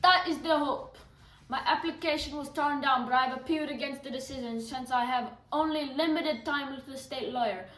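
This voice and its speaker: A fairly high female voice comes from a little way off the mic in an echoey room. She gives scripted answers as an interview guest. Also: moderate pace, fairly bright tone, far from the mic.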